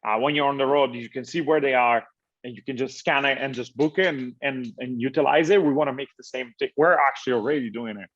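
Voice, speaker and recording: Man, from Italy, interview guest, founder, halting speech, many fillers, repeated words, mid pitch, dull lo-fi audio. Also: a bit bright. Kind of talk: casual interview answers.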